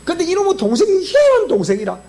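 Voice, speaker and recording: A man preaching with a Gyeongsang accent, his pitch leaping up and sinking low as he keeps firing questions at the congregation. His delivery is animated throughout, with a faint hiss under the voice. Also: fast. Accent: Gyeongsang Korean. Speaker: pastor. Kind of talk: sermon. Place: church sanctuary.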